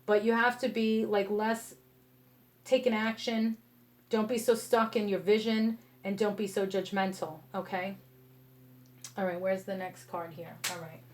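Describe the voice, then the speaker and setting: A woman's voice: medium pitch, little pitch movement, a little slow. Blunt New woman reading tarot. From New York. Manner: blunt and passionate, keeps asking "okay?". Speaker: tarot reader. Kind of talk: casual tarot reading to camera.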